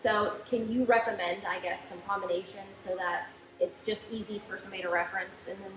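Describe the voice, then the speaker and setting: A woman's voice: mid-range voice, steady tone, a little fast, background noise. A woman co-hosting a casual chat, informally prompting with questions, with machines running behind her. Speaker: co-host asking questions. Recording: roomy echo, music, machinery behind. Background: shop machines running in the background.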